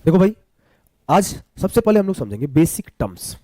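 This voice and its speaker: A man teaches a live online maths class while feeling unwell, so he keeps his pace slow. His voice is mellow and a little raised, and his pitch moves a lot as he repeats key terms. He asks questions and answers them himself, in a dry, close room. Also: big pitch swings, no room sound. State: unwell, speaking slowly.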